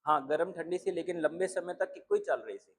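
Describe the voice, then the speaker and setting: A man with a high voice guides a room of students through a breathing exercise. He calls people up one by one, checks their breath and keeps asking whether it is clear. His manner is hands-on and coaxing. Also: normal speed. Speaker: breathing instructor. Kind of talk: guiding a live breathing class.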